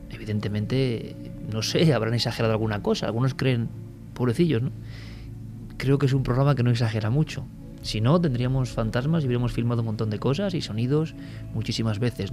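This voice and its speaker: A man hosting a late-night radio talk show, speaking emphatically and rhetorically and addressing his listeners as friends. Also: mid-range voice. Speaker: radio host.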